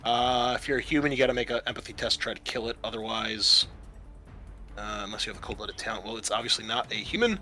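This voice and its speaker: Running a horror tabletop roleplaying game, this game master talks at a quick pace in a low, sharp-toned voice, blending improvised story with rules discussion and dry remarks. Music plays in the background.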